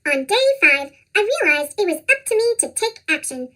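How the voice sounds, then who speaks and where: A storybook narrator reading to children in an animated, expressive way, with a squeaky pitched-up chipmunk cartoon voice. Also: normal speed. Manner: animated, expressive read-aloud. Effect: pitched-up chipmunk voice effect.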